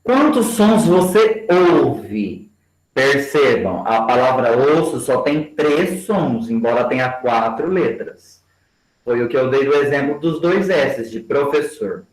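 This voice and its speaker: A man giving a training lecture to teachers and slowly spelling out example words for his class. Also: mid-range voice, animated. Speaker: education lecturer. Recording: roomy echo.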